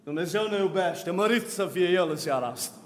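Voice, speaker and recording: High-voiced preacher in an echoing church. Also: male voice, animated. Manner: emphatic, repetitive, builds to louder peaks. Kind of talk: sermon. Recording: long reverb of a church hall.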